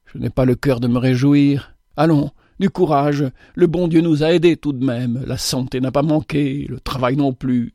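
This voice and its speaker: A man's voice: medium pitch, warm tone, dry recording, studio quality, close to an everyday voice. A man voicing a poor, kindly widow and mother of three, speaking in a heartfelt, exclamatory way. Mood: wistful.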